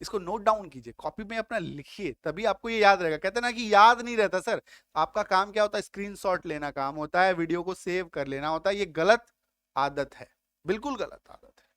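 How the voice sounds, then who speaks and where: A man's voice: high-pitched, expressive, fairly quick, bright, forceful tone, smooth, dry recording. A male teacher giving a spelling lesson. He spells words letter by letter, sounds them out again and again, and keeps asking whether his students follow. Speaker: English teacher. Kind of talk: classroom-style spelling lesson.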